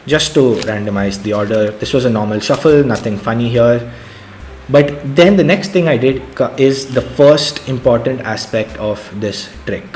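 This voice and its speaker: A man's voice: medium pitch, normal speed, darkish tone. A man delivers card magician patter in an informal, conversational way. He addresses spectator and viewers directly, like a presenter demonstrating and teaching. Noise is audible behind his voice. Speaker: card magician giving a tutorial. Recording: clear background noise.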